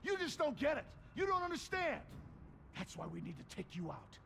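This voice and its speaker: A man's voice: very high voice, wildly swooping pitch, normal speed, vocal fry, background noise, full character voice. A man playing an aggressive, scornful crooked police officer in a video game, barking at those around him. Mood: angry, scornful. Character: hot-headed crooked cop, aggressive and scornful.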